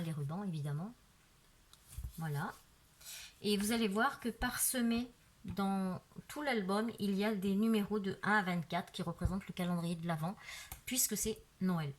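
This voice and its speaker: A woman casually showing off a handmade craft album, chatting as she turns each page and filling her talk with "voilà" and "euh". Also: lowish voice. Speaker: craft video maker. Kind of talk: casual craft show-and-tell. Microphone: camera on a tripod.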